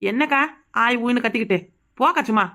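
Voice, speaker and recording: A woman voicing a sharp-tongued young village woman in a cartoon comedy, sarcastic and irreverent, with a Kanyakumari Tamil accent. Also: a little high, brisk. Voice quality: sarcastic, mouthy.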